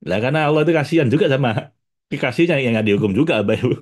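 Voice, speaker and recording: A man's voice: medium pitch, animated, very fast, a little mellow. A man, giving a casual spiritual talk as a religious teacher, chatty and addressing his audience directly with frequent laughs.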